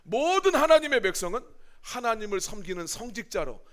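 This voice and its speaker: A man's voice: sits high, big pitch swings, fairly quick, a bit bright. A middle-aged male pastor preaching a sermon, full of rhetorical questions and acting out quoted voices. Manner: acts out quoted voices of churchgoers and Jesus.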